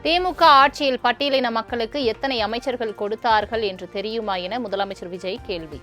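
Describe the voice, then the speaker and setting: Female newsreader, slightly high voice, formal measured delivery, faint music bed. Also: a bit bright. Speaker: news anchor. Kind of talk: formal headline reading.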